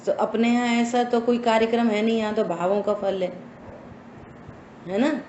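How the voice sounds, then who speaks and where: Teaching scripture slowly and emphatically, this woman keeps asking her audience rhetorical questions. She speaks at a fairly high pitch with little pitch movement and a slightly mellow quality, in an echoey room with faint ambience and slight background noise.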